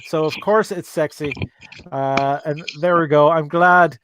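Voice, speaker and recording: This livestream host, an Irish-accented man, reads viewer questions on a live call-in chat show, speaking hesitantly with lots of ums and restarts. His steady voice is a little high and a little slow, over a noisy background.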